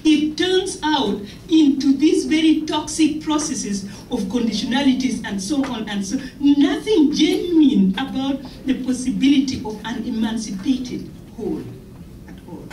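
A woman's voice: sits high, animated, a little slow, warm tone, a little hiss or hum. A middle-aged woman giving an impassioned, emphatic keynote speech at a podium mic in a lecture hall. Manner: impassioned, emphatic, gestures widely. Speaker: keynote speaker. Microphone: podium mic on a stand. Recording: echoey hall, picked up from far off.

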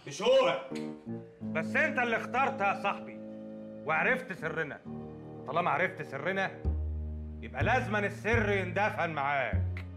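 A man's voice: high voice, animated, normal speed, long pauses, over music. An actor playing a male petty crook in a film comedy who makes mock threats and teases the others. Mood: menacing. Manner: mock menacing, teasing.

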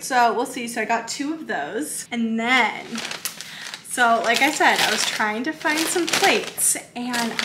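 A bubbly woman in her twenties, a lifestyle vlogger, chats casually through a shopping haul in her home kitchen, sprinkling in lots of "like." Her voice is fairly high, and the echoey kitchen adds background noise. She's filmed by a camera in front at medium close framing.

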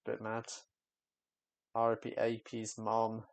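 A man's voice: on the low side, completely flat delivery, slow, gravelly. A young man giving casual, candid reaction commentary on a music video, rambling and trailing off with fillers.

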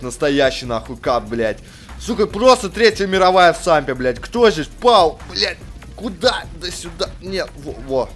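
A young man giving rowdy, profane gameplay commentary as a video host, swinging between loud yelling, laughing outbursts and calmer chat. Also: fairly high pitch. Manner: rowdy, swearing, bursts of shouting and laughter.

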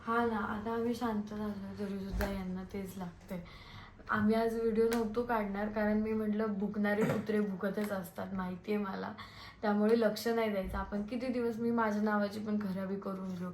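A hoarse woman firing back defiantly and with scorn in a heated family-feud video. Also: mid-range voice, flat delivery, normal speed, a little mellow. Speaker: vlogger. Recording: echoey room with faint noise.

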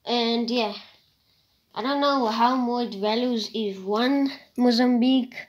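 A woman's voice: on the high side, takes it slowly, muffled recording, slight background noise. Hesitant woman vlogger. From South Africa. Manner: hesitant and rambling, with frequent soft whispered asides. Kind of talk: casual show-and-tell vlog.

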